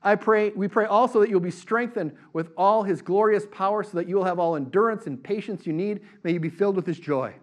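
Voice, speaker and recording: A middle-aged male pastor preaching a sermon in a lively, conversational way, mixing casual asides with fervent declarations. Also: high-pitched, a little fast, hardly any pauses. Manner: animated preaching, acts out voices in quotes.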